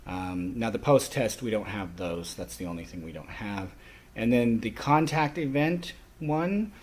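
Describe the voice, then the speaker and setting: Laying out course rules for his class, this man teaches college sign language in an instructional manner broken by many short pauses. He speaks on the low side.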